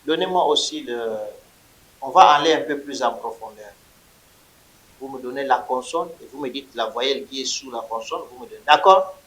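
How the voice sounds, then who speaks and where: A man teaching a class, drilling vocabulary with his students in loud call-and-response before lecturing on grammar. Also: medium pitch, normal speed. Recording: echoey classroom.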